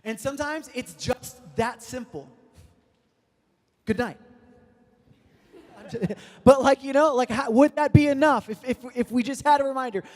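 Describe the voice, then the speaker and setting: A man's voice: very high voice, measured pace, long pauses, a little mellow. A young man in his twenties gives a casual, joking storytelling sermon full of fillers. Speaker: speaker at a youth prayer service. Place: church hall. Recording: long reverb of a hall.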